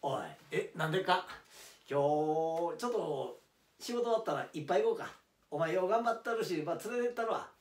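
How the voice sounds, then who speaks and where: A man's voice: fairly high pitch, expressive, a little fast. A man playing a blunt, teasing Kansai-dialect work boss. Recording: roomy, distant mic.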